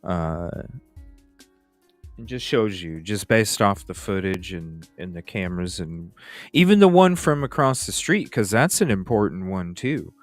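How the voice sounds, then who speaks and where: Low and expressive, a man talks a little slowly as he hosts a true-crime livestream, casually rambling through a case and repeating himself for emphasis. The recording is dry, with faint music playing behind him.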